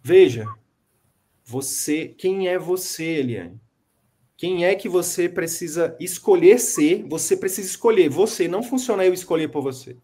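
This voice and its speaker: An emphatic, motivational man coaching a client over a video call. His voice sits a little high for a man, and he hammers his points home by repeating key phrases. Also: lively intonation, normal speed, mellow, breathy edge. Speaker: mentor. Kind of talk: online coaching consultation.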